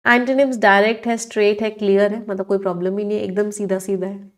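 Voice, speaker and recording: A woman's voice: medium pitch, level tone, quick pace. Woman teacher, exam-prep vocab lesson, mixes Hindi and English, quizzes the class. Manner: explains words in Hindi mixed with English, asks the class questions.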